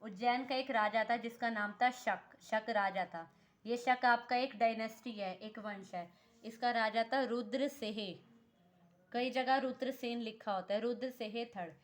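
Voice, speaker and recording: During an exam-prep history lesson, a woman whose voice sits on the high side asks questions only to answer them herself. She keeps repeating the key names, says "theek hai" a lot, and makes small self-corrections.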